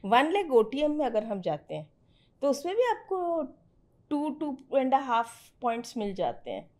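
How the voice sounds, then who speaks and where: Her high-pitched voice swings hugely in pitch, unhurried and a little mellow. This middle-aged woman is teaching a student about trading conversationally, firm and direct, with English phrases mixed in.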